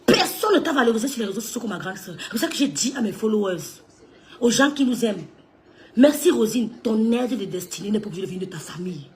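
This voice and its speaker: A woman's voice: on the high side, lively intonation, fast talker. A woman ranting on a live stream, scolding someone, repeating herself and laughing mid-sentence. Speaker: social media live streamer. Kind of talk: heated live-stream rant.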